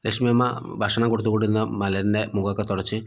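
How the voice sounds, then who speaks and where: A man's voice: fairly low pitch, level tone, very fast. A man casually retelling a TV serial episode, relating each character's lines in his own plain storytelling voice. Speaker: narrator recapping a TV serial episode. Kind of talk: casual spoken plot recap.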